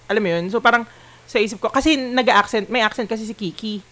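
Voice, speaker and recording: A man's voice: high-pitched, quick pace, pushed and bright. Reflective man co-hosting a podcast in casual chat, talking things through at length. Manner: reflective, thinks aloud at length. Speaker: podcast co-host.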